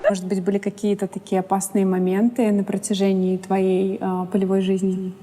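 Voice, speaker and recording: A woman's voice: medium pitch, monotone, fairly quick, mellow. A woman hosts a casual interview, asking questions and making playful, teasing follow-ups. Her voice sits in the middle range. The room echoes, with faint music underneath. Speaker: interviewer and channel host.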